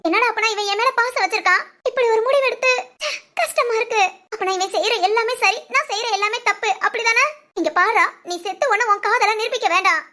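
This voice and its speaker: A woman's voice: very high voice, fast talker, bright, forceful tone. A woman voicing a young village woman in a Tamil cartoon drama, emotional and fiery, pleading and scolding. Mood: tearful. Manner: pleading, sobbing, then scolding.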